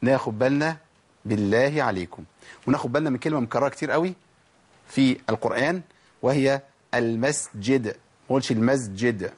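Man, Egyptian accent, husky voice, recitation lesson, slow sound drills, rhetorical questions. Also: mid-range voice. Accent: Egyptian Arabic. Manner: drills sounds slowly, asks and answers his own questions. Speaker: Quran recitation teacher. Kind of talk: recorded tajweed lesson.

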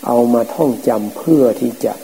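A middle-aged man, a Buddhist forest monk, giving a calm, plain-spoken dharma talk. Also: moderate pace. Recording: hissy, noisy old recording.

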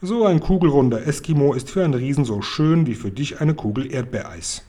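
A good-natured storybook giant who trips over his own words, played by a man with a dark, mellow, slightly husky voice that he lifts a little higher and louder than his reading voice. He speaks in a homely, folksy way. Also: lively intonation, a little fast, close to an everyday voice. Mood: earnest. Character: kind big friendly male giant.

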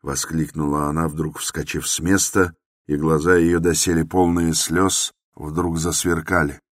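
A man narrating a novel in a measured, dramatic storytelling manner. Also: a bass voice, little pitch movement, dry recording, studio quality.

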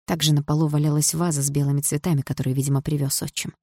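A woman with a low, even voice reads a novel in the first person, steady and quietly emotional. Her voice sounds close and dry, with no room around it. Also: very fast, no echo. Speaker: audiobook narrator. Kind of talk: first-person audiobook narration.

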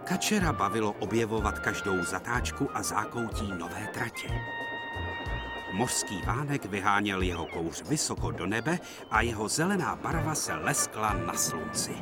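A man narrating a dubbed children's series in a gentle, expressive storytelling manner. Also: fairly low pitch. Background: music.

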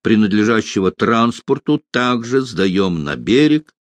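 A man voicing a brisk, formal male naval officer in an audiobook. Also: fairly low pitch, sing-song, no echo.

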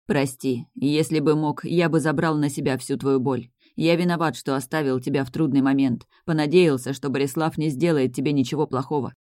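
Woman reading a devoted, remorseful young male mage for an audiobook; low-key, mellow, dry close mic. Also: steady tone, a little fast, few pauses, dry recording, natural voice. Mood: regretful. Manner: tender, regretful.

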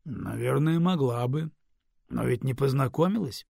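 Curt, mocking talking stone, gravelly and dry-sounding, as a male narrator puts him on. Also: mid-range voice, a little slow, mellow, no echo, heavily acted. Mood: stern. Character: stern, sarcastic magical talking stone. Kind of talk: audiobook character voice.

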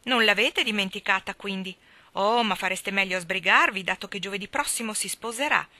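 A woman's voice: mid-range voice, brisk, sharp tone, no echo, natural voice. A woman voicing a teasing, spiteful young gossip, speaking in a mocking, sing-song and gleeful way. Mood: taunting.

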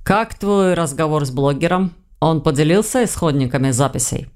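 Woman doing a slow, calm male investigator. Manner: slow, lowered, measured delivery.

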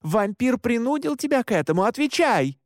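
A man's voice: very high voice, sing-song, normal speed, dry recording, studio quality, pitched above the performer's own voice. A man reading an audiobook and voicing a stern, furious middle-aged mother who gives harsh orders. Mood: commanding. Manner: harsh, commanding.

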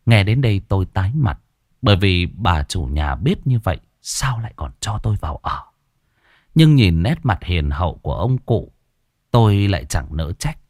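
A man reading a ghost story aloud in dramatic, expressive first-person narration. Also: low voice, moderate pace, no echo, studio quality.

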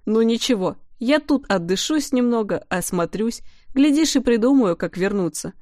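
A woman's voice: a little high, lively intonation, moderate pace, darkish tone, no echo, studio quality, close to an everyday voice. A woman reading an audiobook voices a cheeky, amorous male winged creature who grumbles and boasts in a theatrical way. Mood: cheerful.

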